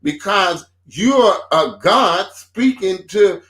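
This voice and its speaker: Slow, high-voiced man preaching casually. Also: animated, fairly bright tone. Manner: informal, builds points slowly with repeated phrases. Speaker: co-host of a faith talk show. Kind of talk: casual faith talk, preaching tone.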